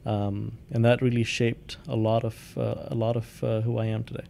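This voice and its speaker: Male company founder in an interview, mellow voice, measured, filler-heavy answers. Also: medium pitch, little pitch movement, creaky, a little hiss or hum. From India. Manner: thoughtful, many ums and restarts. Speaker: company founder and CEO, guest.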